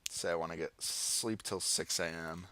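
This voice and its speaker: At normal speed, a low-pitched man with a steady, sharp tone walks viewers through an informal screen-share tutorial on online marketing. He has an American accent and reasons aloud while showing each step, partly improvising. The recording has no echo.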